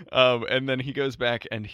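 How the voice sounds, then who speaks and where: A man's voice: mid-range voice, a bit bright, clean tone, no room sound, clean studio sound. A man hosting a podcast in casual chat, laughing often and acting out quotes. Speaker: podcast host.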